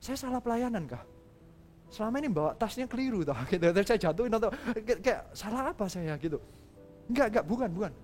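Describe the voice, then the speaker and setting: Man, pastor, conversational sermon, acts out quotes, high voice, soft music behind. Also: quick pace. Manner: storytelling, animated, acts out quoted lines; casual mix of Indonesian and English phrases.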